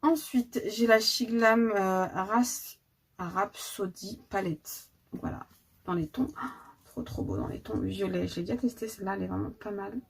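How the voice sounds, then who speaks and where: A chatty woman vlogging about her makeup, hesitating with fillers and repeating words as she goes. Her voice sits at a middle pitch, and steady background noise runs under the recording. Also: normal speed, vocal fry. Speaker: beauty vlogger. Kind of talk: casual vlog showing her makeup collection.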